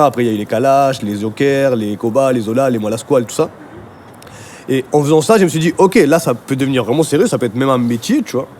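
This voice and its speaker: A music video director being interviewed, he grew up in Argentina before moving to France at thirteen, and he tells his story casually with slang and frequent conversational tags. His mid-range voice has a darkish tone, with slight background noise present.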